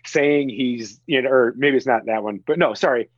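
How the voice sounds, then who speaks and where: A talkative man on a podcast who chats about films in a loose, animated way, laughing often. His voice sits in a middle register. The recording is dull and dry, with no room sound. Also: medium pitch, normal speed, no room sound. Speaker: podcast guest. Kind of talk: casual film chat.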